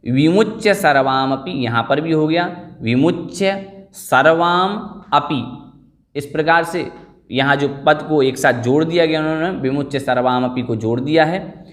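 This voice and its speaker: A man's voice: medium pitch, a bit bright. A man teaching an online scripture class, explaining verse after verse and drilling the pronunciation of each word.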